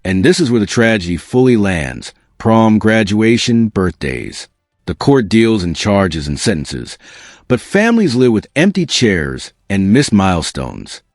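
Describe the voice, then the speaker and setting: A man's voice: on the low side, big pitch swings, measured pace, no room sound, studio quality, faint music behind. A man giving scripted, dramatic legal commentary to viewers.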